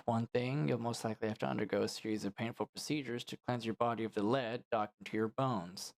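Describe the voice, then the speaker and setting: A man's voice: medium pitch, quick pace, creaky, natural voice. A man reading a sarcastic, blunt game doctor. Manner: sarcastic, deadpan.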